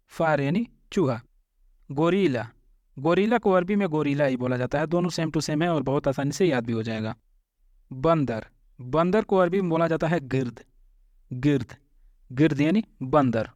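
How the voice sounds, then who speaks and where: A young man teaching a vocabulary lesson, saying each word, repeating it slowly and clearly, then giving its meaning. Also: fairly high pitch, a little mellow, no room sound. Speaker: language teacher.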